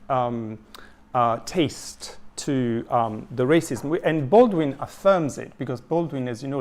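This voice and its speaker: A southern Italian man with an Italian accent gives an adult education lecture, reading quotations and explaining them. He is thoughtful, pausing often with fillers and restarting sentences, and his medium-pitched voice has vocal fry.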